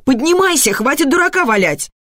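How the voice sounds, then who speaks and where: A woman voicing a harried, sharp-tongued mother who scolds her son in a raised voice. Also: a little high, sing-song, normal speed, no room sound, studio quality. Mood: scolding. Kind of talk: audiobook dialogue reading.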